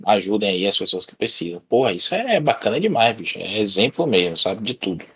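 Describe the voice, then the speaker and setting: A man with a Brazilian accent chats casually as a podcast panelist, using informal, slangy language with some swearing. His fairly low, husky voice is a bit bright, fairly quick, and swings widely in pitch.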